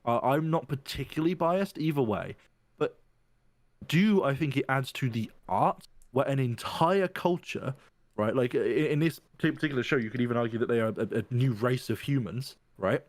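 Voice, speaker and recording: Podcast host explaining, dry close sound. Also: male voice, medium pitch, lively intonation, normal speed, no echo. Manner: explains at length, checks in with "right?". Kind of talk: casual podcast discussion.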